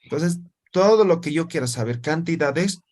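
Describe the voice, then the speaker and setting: A man's voice: on the high side, lively intonation, moderate pace, a little mellow. A man, an Aymara speaker, teaching an Aymara language class and checking understanding with frequent tag questions. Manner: explains with constant "¿no ve?" tag questions. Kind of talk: classroom lesson.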